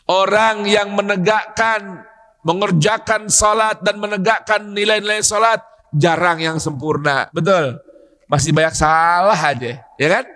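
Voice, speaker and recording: A man giving a dawn sermon in a mosque, teasing the congregation with questions and bursting into loud emphatic shouts. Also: sits high. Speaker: preacher.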